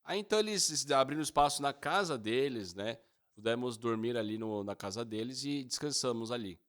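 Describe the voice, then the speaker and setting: A man's voice: medium pitch, expressive, normal speed, a bit bright. A man interpreting a sermon, telling a personal story and acting out the dialogue in it. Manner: storytelling, acts out dialogue with raised voice.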